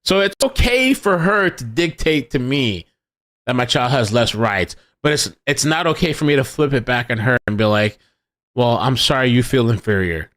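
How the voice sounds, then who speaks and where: A young man hosting a casual livestream, mocking commenters in a profane, animated rant. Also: medium pitch, moderate pace. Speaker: livestream host.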